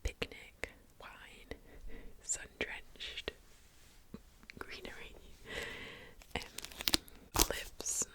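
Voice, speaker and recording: A woman whispering softly into a close mic, chatting about books in a gentle, unhurried way. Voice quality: soft whisper. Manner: slow, gentle, chatty with tapping sounds. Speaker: booktuber. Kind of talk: whispered ASMR book chat.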